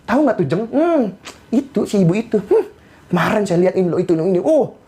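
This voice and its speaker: A man's voice: high voice, sing-song, dark tone, pitched above the performer's own voice. A man voicing a nosy, chatty middle-aged woman gossiping at a social gathering, as a comic aside in a sermon. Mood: gossipy. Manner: chatty, nosy, drawn-out teasing. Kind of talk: comic impression within a sermon.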